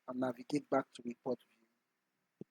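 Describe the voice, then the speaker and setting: A man talking through a screen-recorded software tutorial step by step, in a methodical way. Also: mid-range voice, little pitch movement, measured pace, slightly rough, dry recording, poor audio. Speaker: tutorial instructor.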